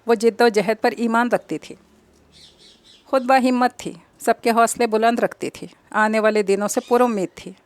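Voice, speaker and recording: Female narrator for a novel reading, steady storytelling, dry close sound. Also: medium pitch, no echo. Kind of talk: novel read aloud.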